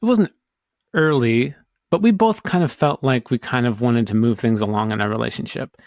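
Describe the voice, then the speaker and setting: Male podcast co-host from the US, rambling and hesitant, mid-pitched, dry close mic. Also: normal speed, a little mellow, dry recording. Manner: hesitant, rambling, full of restarts. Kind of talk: casual chat.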